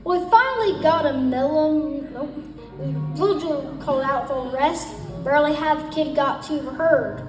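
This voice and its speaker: A woman's voice: sits high, normal speed, over music. A woman performing cowboy poetry, reciting a folksy ranch story to a live gathering in a roomy space, picked up from a distance.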